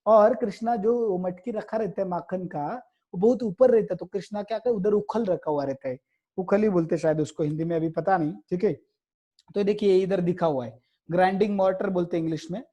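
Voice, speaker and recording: A male devotional storyteller with a high, soft and mellow voice. He retells the tale in a loose, repetitive way, stopping often to explain and check in with listeners. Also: brisk. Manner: repetitive, explanatory, frequent asides.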